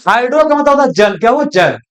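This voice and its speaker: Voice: medium pitch, big pitch swings, quick pace. Folksy teacher drilling terms. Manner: drills by asking questions and answering them, repeats key terms; folksy, calls students "babu". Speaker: exam coaching teacher. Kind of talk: recorded online lecture.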